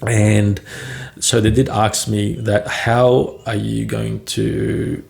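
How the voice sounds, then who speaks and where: A man who stutters talks in a casual, free-flowing vlog about stuttering, his lowish voice gravelly, flat and a little mellow as he takes it slowly. He has blocks and repeated words and often adds "right?" and "um."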